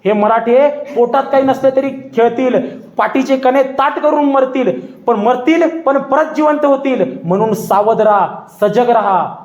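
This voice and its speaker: A man's voice: very high voice, unhurried, darkish tone, lo-fi sound. A man voicing a stubborn, blustering male Mughal general, commanding and exasperated, within a lecture. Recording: echoey hall.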